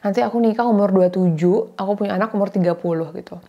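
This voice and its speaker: A woman in her thirties, medium-pitched and talking very fast, shares faith and marriage advice with her viewers in an earnest, confiding vlog. Her casual, heartfelt style mixes in English words, and the audio sounds dull.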